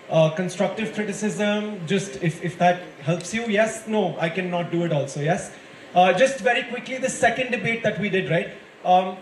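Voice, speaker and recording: A man with an Indian accent and a high voice speaks off the cuff to students as a debate judge. He is encouraging and conversational. The room is echoey, with a faint crowd behind him. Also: a bit bright, slight background noise. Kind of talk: impromptu speech giving feedback to students. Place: indoor school event space with audience.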